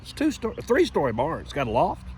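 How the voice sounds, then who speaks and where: Man, folksy and rambling, high lively voice, joking vlog chatter, loud outdoor noise. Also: fast, low-quality recording. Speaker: video creator. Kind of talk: casual comedic vlog. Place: outdoors in a rural yard.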